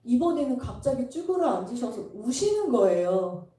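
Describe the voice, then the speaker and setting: A middle-aged woman shares her testimony from the front of a church, her voice mellow and a little high. She tells her story vividly and acts out the voices of the people in it. The sound carries a heavy echo, as if the mic is set back in a large hall. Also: sing-song, moderate pace. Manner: storytelling, acting out quoted dialogue. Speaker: pastor's wife giving a testimony. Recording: echoey hall, mic at a distance.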